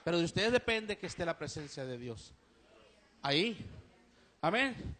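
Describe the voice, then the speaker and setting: A man's voice: on the high side, sing-song, unhurried, sharp tone. A man with a Mexican Spanish accent preaching a sermon to his congregation, asking them questions and saying amen often. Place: church service, live stream.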